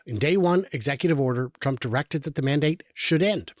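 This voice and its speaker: A man's voice: on the high side, expressive, brisk, no echo. Sarcastic male commentator, dry close sound. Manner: sarcastic, exasperated commentary with frequent restarts. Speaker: show host. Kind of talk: political commentary reading and reacting to articles.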